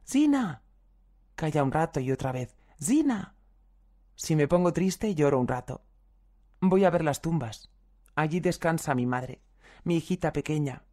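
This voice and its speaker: A reader giving a calm, measured audiobook reading of first-person testimonies, reading the translator's footnotes aloud as well. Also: mid-range voice.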